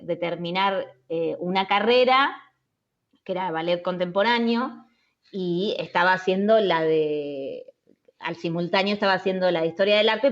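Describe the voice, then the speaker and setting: An Argentine woman, a travel blogger and interview guest, telling stories casually with frequent "eh" and "¿no?" fillers. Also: on the low side. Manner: chatty, frequent "eh" and tag "¿no?". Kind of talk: casual conversational storytelling. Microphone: video call. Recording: slightly dull lo-fi call audio.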